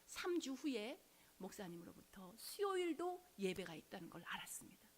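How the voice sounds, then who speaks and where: A woman's voice: mid-range voice, very animated, moderate pace. A woman preaching, telling a conversion story with dramatic swings into whispers and acted-out quotes. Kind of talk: sermon storytelling.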